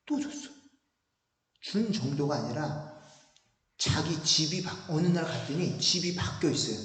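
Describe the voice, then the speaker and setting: A male pastor preaching a sermon and telling a story, animated and emphatic, repeating words for stress, in a large church hall. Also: on the high side, a little slow. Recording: echoey church hall, mic far off.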